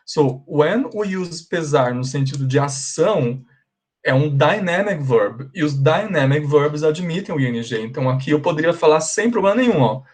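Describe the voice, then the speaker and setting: A man with a Brazilian Portuguese accent teaching English grammar, asking and answering his own questions and drilling example sentences slowly. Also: on the high side, animated, darkish tone. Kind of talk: bilingual grammar lesson.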